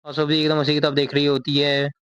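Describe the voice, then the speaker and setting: A man's voice: a little high, monotone, fast talker, a bit bright, smooth, highs cut off. A man casually retelling a manga chapter as a recap narrator. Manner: reads character lines in the same plain voice.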